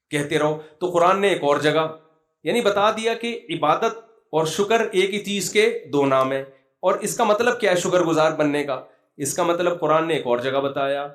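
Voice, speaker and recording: A middle-aged man giving a religious talk, telling funny stories in a chatty way. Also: fairly high pitch. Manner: humorous storytelling, conversational. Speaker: Islamic preacher.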